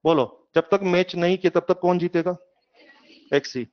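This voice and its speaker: Male teacher, middle-aged, high pitch, muffled lo-fi sound; lively lecture style, keeps quizzing students. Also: normal speed, clear, resonant tone. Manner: lively, asks students questions, uses homely examples. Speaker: physics teacher. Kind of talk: classroom lecture.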